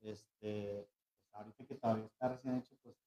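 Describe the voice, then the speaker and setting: A man's voice: fairly low pitch, level tone, a little fast, warm tone. A man with a Mexican accent, a tattoo artist casually telling anecdotes and acting out the people in them, with frequent restarts. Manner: storytelling, acting out quoted voices, frequent restarts. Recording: roomy echo.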